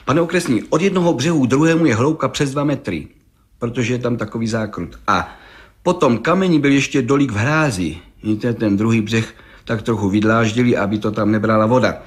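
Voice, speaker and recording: A man voicing an excitable, boastful middle-aged village gendarme who tells his tale in an eager, rambling rush. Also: medium pitch, natural voice. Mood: excited. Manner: rambling, eager, breathless storytelling. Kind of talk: audiobook reading.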